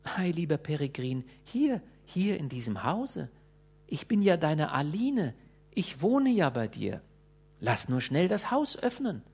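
A man's voice: a little high, big pitch swings, a little slow, a little mellow, breathy edge, full character voice. A man reading an audiobook voices a frail young lady who wails and pleads plaintively. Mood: coaxing. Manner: wailing, plaintive.

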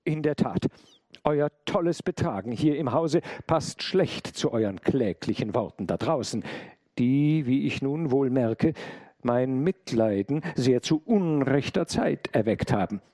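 A man voicing a brave, loyal older housekeeper who speaks strongly and firmly in a raised, husky voice. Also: mid-range voice, animated, measured pace, dark tone, dry recording, clean studio sound, voice pushed up. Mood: defiant. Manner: firm, defiant.

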